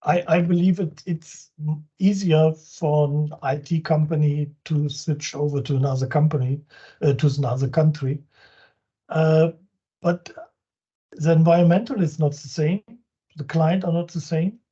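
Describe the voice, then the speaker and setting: A man's voice: a little high, fairly even intonation, normal speed, dark tone, slightly rough. A man with a German accent hosting an interview, friendly and affirming, who restarts phrases in English. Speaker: interview host, business coach. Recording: dull lo-fi sound.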